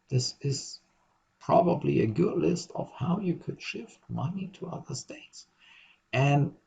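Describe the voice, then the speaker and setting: A man's voice: mid-range voice, vocal fry, darkish tone, breathy edge. A man lecturing on tax, rambling and thinking aloud with many ums, in a recorded lecture. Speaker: university lecturer. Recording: dull lo-fi recording.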